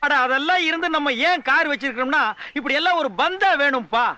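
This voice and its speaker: An actor playing a bossy, short-tempered middle-aged troupe leader in a 1980s film comedy, loud and sarcastic. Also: male voice, extremely high pitch, fast, no room sound, dull audio, heavily acted. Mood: scolding. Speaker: leader of a folk dance troupe.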